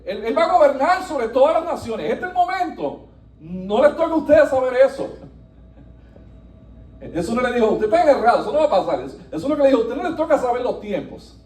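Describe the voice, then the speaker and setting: Pastor guy preaching, high mellow voice, swings soft to loud, echoey church. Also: fairly quick. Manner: animated preaching, wide swings from soft to emphatic. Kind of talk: sermon. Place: church sanctuary. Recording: echoey room, voice from a distance.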